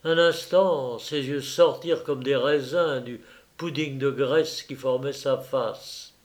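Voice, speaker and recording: A man narrating an adventure story in a steady, deliberate reading. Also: medium pitch. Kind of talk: audiobook narration.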